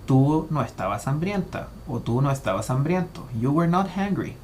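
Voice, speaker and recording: A man teaching English grammar in a methodical lesson, slowing down to spell out example phrases. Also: a little high, big pitch swings, darkish tone, slight background noise.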